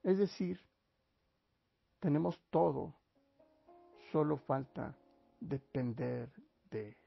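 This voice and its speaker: Slow gravelly pastor preaching. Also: male voice, fairly high pitch, expressive, lo-fi sound, faint music behind. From Mexico. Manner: slow emphatic preaching, often addresses listeners as brothers. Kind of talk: sermon. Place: church.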